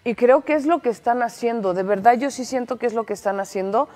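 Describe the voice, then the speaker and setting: A woman's voice: fairly high pitch, brisk, a little mellow, in a large hall. A woman with a Mexican accent giving casual, opinionated commentary on a reality show, chatty with many restarts. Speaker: entertainment commentator.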